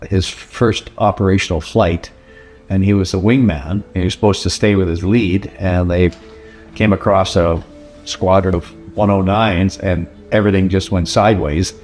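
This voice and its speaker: A man calmly retelling a veteran's story as a documentary narrator. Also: low-pitched, normal speed, soft background music.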